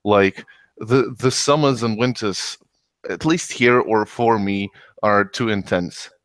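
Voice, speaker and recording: Man hosting a podcast, halting delivery. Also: on the low side, a bit bright, no room sound. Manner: halting, many fillers and restarts. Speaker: podcast host. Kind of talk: casual podcast chat and announcements.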